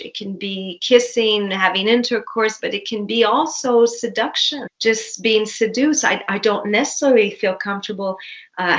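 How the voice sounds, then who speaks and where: A woman therapist speaks as a guest, gentle and affirming while she explains ideas. Her pitch is middle of the range, and the audio comes through slightly dull and muffled. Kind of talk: interview guest explaining concepts.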